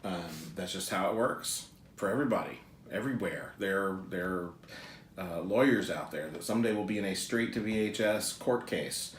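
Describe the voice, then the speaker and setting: A man's voice: low voice, moderate pace, roomy sound, slight background noise. Rambling jokey male show host. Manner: rambling and jokey, with many ums and uhs. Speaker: co-host of a trailer reaction show. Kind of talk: casual reaction chat.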